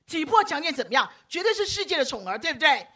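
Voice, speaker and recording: A woman preacher delivers a lively sermon, joking with her congregation and acting out the voices she quotes. Her voice sits high and bright, swinging widely in pitch. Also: fast talker. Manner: animated, teasing, acts out quoted voices. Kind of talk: lively sermon with audience banter.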